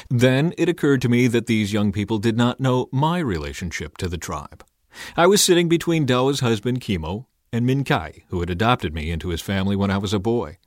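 A man narrating a first-person memoir audiobook in a measured, earnest manner. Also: lowish voice, no room sound, clean studio sound.

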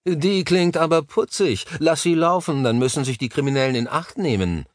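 A man's voice: fairly high pitch, moderate pace, dry recording, clean studio sound, voice pushed up, lightly acted. A male narrator voicing a nervous, cynical male business partner talking on the phone in an audiobook. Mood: tense, cynical.

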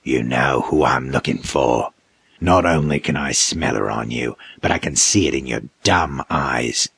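A man voicing a towering, inhuman male creature who threatens slowly in a low, dark voice. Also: gravelly, husky, exaggerated voice. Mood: menacing. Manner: slow, low, threatening growl. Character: towering male monster, menacing interrogator.

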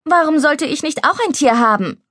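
A woman's voice: high voice, lively intonation, fairly quick, a bit bright, dry recording, pitched above the performer's own voice. A woman voicing a stubborn young girl who wheedles and insists, in a storybook reading. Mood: pleading. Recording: dry studio recording.

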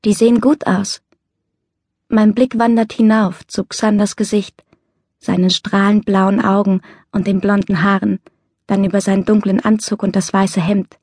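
A woman narrating a novel in the first person, in soft, measured storytelling. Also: medium pitch, flat delivery, dry recording, clean studio sound. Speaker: audiobook narrator.

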